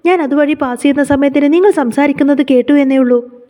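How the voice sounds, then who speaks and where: Gentle hurt young wife, read by a woman, pleading, high voice, fast. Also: close to an everyday voice. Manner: pleading, tearful.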